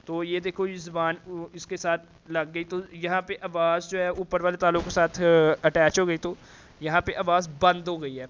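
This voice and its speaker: A man teaching Quran letter pronunciation, explaining slowly with many fillers and repeating the letter sounds to demonstrate. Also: high voice, flat delivery, a bit bright, clean tone, muffled recording. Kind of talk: tajweed lesson with demonstrations.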